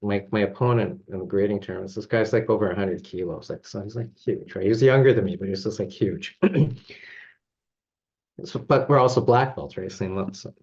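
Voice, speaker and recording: Middle-aged man, from Canada, very deep voice, chuckling storyteller, muffled lo-fi sound. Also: fairly quick, gravelly, a little mellow, husky. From Toronto, Canada. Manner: chuckles often, loose rambling with many fillers. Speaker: judo coach and guest. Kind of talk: casual interview storytelling. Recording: slightly dull lo-fi recording.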